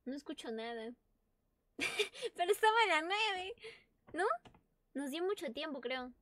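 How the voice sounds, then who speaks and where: Her voice is very high and bright, swinging widely in pitch, with a forceful edge and an unhurried delivery on a dry recording. She's a woman doing a casual let's-play of a horror game, talkative and quick to startle, given to screams and nervous laughs.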